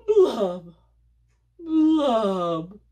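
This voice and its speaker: A woman voicing a gloomy, pouting male fish in a storybook, in a slow, mopey sing-song chant. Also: on the high side, big pitch swings, dark tone, voice pushed up, exaggerated voice.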